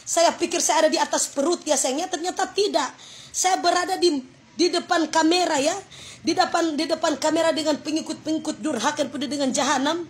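A woman's voice: high-pitched, fairly even intonation, fairly quick. A woman with a Manado Indonesian accent hosting a livestream, thanking viewers for gifts in an effusive, exclaiming way, speaking into a phone. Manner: effusive, exclaiming, breaks into laughter. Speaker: livestream host.

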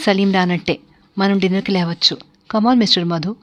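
A woman's voice: medium pitch, steady tone, brisk, close to an everyday voice. A woman reading as a stern, commanding host man. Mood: smooth. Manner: curt and commanding. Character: stern, cruel-edged wealthy male dinner host. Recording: dull lo-fi recording.

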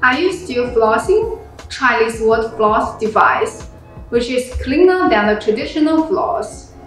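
Brief: young female product presenter, fairly high voice, scripted read, heavy room echo, music behind. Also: measured pace. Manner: reads a script, plain and steady, with non-native phrasing. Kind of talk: reading a product review script. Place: small room indoors. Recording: very echoey room with background music.

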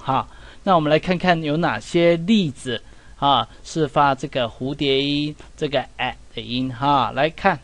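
A middle-aged man giving a relaxed English pronunciation lesson in Mandarin. He talks in a chatty way and keeps asking the class "right?" and "see?". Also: a little high, a little slow. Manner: chatty, with many "哈" and "有没有" asides. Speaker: English teacher.

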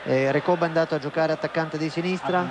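A man working as a football co-commentator, explaining tactics live in measured, full sentences. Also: a little high, fairly even intonation. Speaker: football co-commentator, former coach. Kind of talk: live tactical match analysis. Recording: very noisy outdoor stadium broadcast.

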